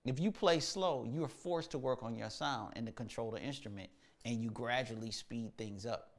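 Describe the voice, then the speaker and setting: Chill slangy guy hosting a music stream, mid-pitched, rambles with lots of "i mean". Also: moderate pace. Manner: laid-back, slangy, thinks aloud with many fillers. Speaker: musician and show host. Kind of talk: casual livestream talk.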